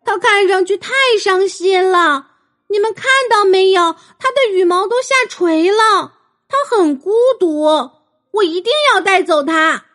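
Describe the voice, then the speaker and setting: A woman's voice: very high voice, animated, moderate pace, fairly bright tone, voice pushed up. A woman voicing a caring young girl who talks in an urgent, pleading way.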